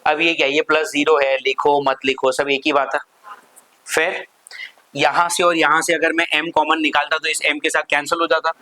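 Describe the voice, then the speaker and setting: A man leads a physics class, explaining each step and pausing to ask whether students are following. His voice sits a little high and rings bright and forceful. He slips English terms into his teaching and keeps checking in with the room. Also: little pitch movement, low-quality recording. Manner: asks the class constant check questions, mixes Hindi with English terms. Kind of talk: classroom lecture.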